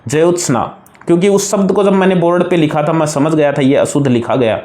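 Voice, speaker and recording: A man's voice: on the high side, a little fast, darkish tone. Man teaching spelling rules in an echoey room. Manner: explains spelling rules patiently, repeating words and contrasting wrong with right forms. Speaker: Hindi grammar teacher. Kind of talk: classroom-style grammar lesson.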